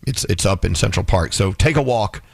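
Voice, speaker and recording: Man, radio host, gravelly, dry booth sound, emotional and halting. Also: on the low side, lively intonation, no echo. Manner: emotional, halting, many restarts. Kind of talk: casual morning radio chat. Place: radio studio. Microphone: studio microphone.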